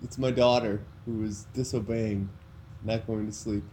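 A man's voice: lowish voice, little pitch movement, measured pace, warm tone, a little hiss or hum. A man co-hosting a podcast over a video call, giving dry, brief answers. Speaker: podcast co-host. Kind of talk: casual chat over a call.

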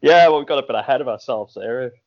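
A Welsh man in a relaxed podcast chat, joking in a dry, easygoing way. His voice sits at an everyday middle pitch. The recording sounds dull and lo-fi, made at home. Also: fast talker. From Wales. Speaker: podcast co-host. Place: bedroom at home.

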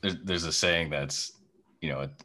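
A man's voice: deep voice, fairly even intonation, moderate pace, pushed and bright, a little hiss or hum. A man hosting a podcast interview, giving short affirmations and asking brief questions. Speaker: podcast host. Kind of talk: casual interview.

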